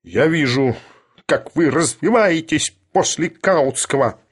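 A man's voice: medium pitch, animated, normal speed, breathy edge. Man doing an imperious old professor. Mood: thundering. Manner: ironic, thundering, lecturing. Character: imperious, irascible older male professor. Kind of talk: audiobook character voice.

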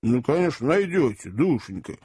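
A man's voice: medium pitch, big pitch swings, normal speed, dark tone, breathy edge. A man voicing a sly but kind-hearted male traveller in an audiobook, speaking in a knowing, confiding tone. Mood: soothing.

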